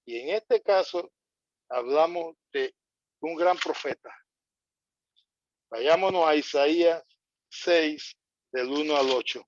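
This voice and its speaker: Male preacher, Latin American accent, slow sermon delivery, dull dry church recording. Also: fairly high pitch, no echo. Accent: Latin American Spanish. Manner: slow, deliberate, reads scripture aloud and repeats key points.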